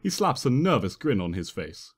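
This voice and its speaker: The narrator speaks in the mid range with big swings in pitch and moderate pacing. He reads his fan fiction aloud in the first person, dramatic and mischievous like a stage trickster, while a reverberant room stretches out the echo.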